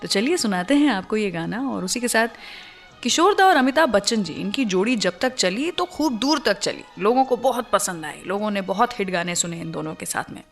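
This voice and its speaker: A woman with an Indian accent hosts a radio show, telling stories conversationally and speaking straight to listeners with emphatic phrasing. Her mid-range voice is animated and moves at a moderate pace. Background music plays as a music bed behind her.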